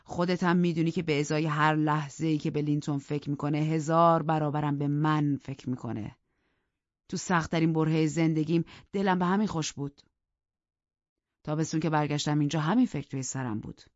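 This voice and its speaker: A man voicing a bitter, obsessive young man who talks with intense scorn and drops into low whispers in an audiobook. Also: steady tone, dry recording, close to an everyday voice. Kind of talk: audiobook character reading. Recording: dry, dull lo-fi recording.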